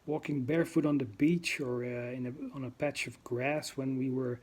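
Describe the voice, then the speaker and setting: Here a Dutch-accented man from the Netherlands records his first vlog, speaking to camera without a script and pausing on ums and uhs while he looks for words. He has a medium-pitched, slightly mellow voice, a steady tone and a moderate pace.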